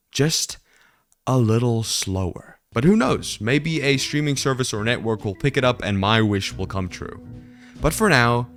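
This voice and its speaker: A man hosting a casual scripted video review, with wry, deadpan asides. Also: on the low side. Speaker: video commentary host.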